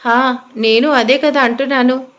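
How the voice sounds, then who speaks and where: A woman's voice: high-pitched, fairly even intonation, a little slow, fairly bright tone. A woman voicing a teasing, possessive young husband in an audio story. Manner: teasing, smug.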